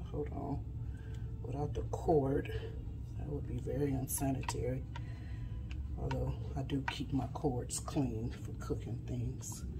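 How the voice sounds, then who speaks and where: With a very deep voice, a home cooking channel host chats casually through a demonstration in her kitchen, stopping at times to tidy and explain mid-task. A camera on the counter records her mostly off frame, with background noise.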